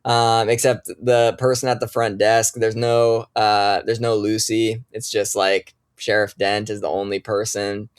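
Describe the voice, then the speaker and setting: A man running a tabletop game as game master, narrating in a relaxed way with frequent ums and uhs. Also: lowish voice, unhurried, few pauses, smooth.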